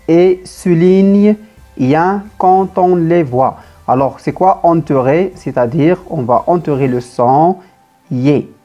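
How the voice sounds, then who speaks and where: A primary school teacher giving a reading lesson to young pupils, talking slowly and repeating words, spelling out letters and syllables one by one. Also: mid-range voice, mellow. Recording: dull lo-fi sound with faint background music.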